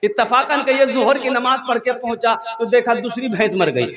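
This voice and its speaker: A man's voice: very high voice, fairly quick, fairly bright tone. A male Islamic preacher telling humorous stories in a sermon, singing refrains and prompting the crowd to answer. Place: religious gathering. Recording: echoey, dull lo-fi PA sound.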